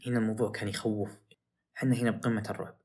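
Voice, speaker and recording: A young man, hosting a podcast and telling a story in a casual, animated way that rises into excited outbursts. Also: fairly low pitch, very fast. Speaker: podcast host.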